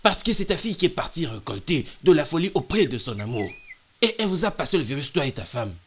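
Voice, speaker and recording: A man's voice: on the high side, very animated, fast talker, husky, exaggerated voice. A man dubbing a quarrelsome man who insults his rival. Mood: contemptuous. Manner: contemptuous, insulting. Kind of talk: French-dubbed film acting. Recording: dull lo-fi dub.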